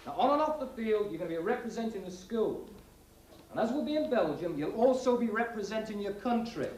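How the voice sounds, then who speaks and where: An actor playing a middle-aged schoolteacher, strict but joking, with an emphatic, lively delivery in a 1980s TV drama. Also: male voice, high voice, brisk. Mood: stern, teasing. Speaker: schoolteacher briefing his pupils. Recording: roomy TV soundtrack with music behind.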